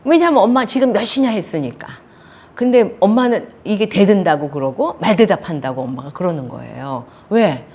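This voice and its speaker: A woman's voice: fairly low pitch, very animated, normal speed, darkish tone, breathy edge. A woman in her sixties teaching a counseling class, telling stories and acting out the quoted lines. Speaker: counseling instructor. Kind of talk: lecture on counseling technique.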